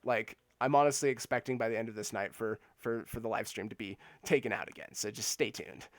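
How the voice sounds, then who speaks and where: A man's voice: mid-range voice, lively intonation, moderate pace, no echo. A man streaming a game live, chatting casually with viewers, laughing often and repeating words as he talks. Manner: giggly, stammers and repeats words; chats with viewers while playing. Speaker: gaming streamer.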